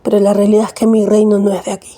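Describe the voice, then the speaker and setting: Calm firm teacher, as a woman reads him. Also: mid-range voice, rapid-fire, lightly acted. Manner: read plainly in the reader's own voice.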